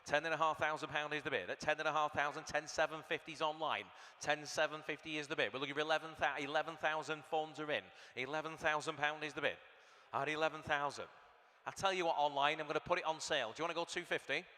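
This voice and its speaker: A male auctioneer calls bids in a fairly high, forceful voice. He rattles off figures and drops in chatty remarks to the room and remote bidders. The sound carries the long reverb of a large hall. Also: fairly even intonation, fast talker. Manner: chatty asides to bidders between bid calls. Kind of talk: live auction bid-calling, rattling off prices and bids.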